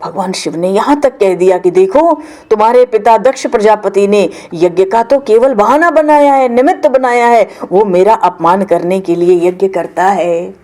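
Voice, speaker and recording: A woman giving a devotional scripture storytelling discourse, moving between hushed asides and raised emphasis. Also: medium pitch, normal speed, hardly any pauses.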